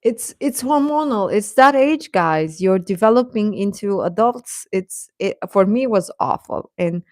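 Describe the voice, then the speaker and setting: A mid-range, animated female voice, a little slow, comes through in studio quality with no echo. The adult live streamer casually encourages her teenage audience with heartfelt advice, repeating phrases to reassure them.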